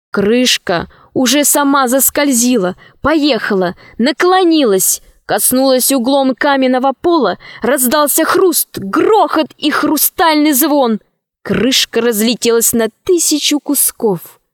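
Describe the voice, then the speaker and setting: A woman reading a children's fairy tale aloud in a slow, expressive way. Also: sits high, no room sound, studio quality. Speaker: narrator.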